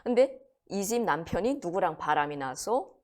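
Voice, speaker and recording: Telling a crime story like a conversation, a female guest storyteller animates it by voicing the quoted characters. Her voice is on the low side, at a moderate pace.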